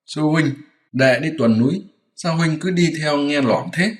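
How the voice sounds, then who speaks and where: A man's voice: on the high side, measured pace, pitched above the performer's own voice, natural voice. Man doing Bat Gioi, a whiny fearful pig-monk. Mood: pleading. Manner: whiny, pleading, flustered. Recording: roomy echoey room.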